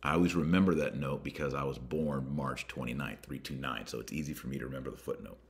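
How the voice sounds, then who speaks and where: An American man hosts a podcast, reading and commenting with an emphatic, deliberate style that stresses key words and names. He has a creaky bass voice.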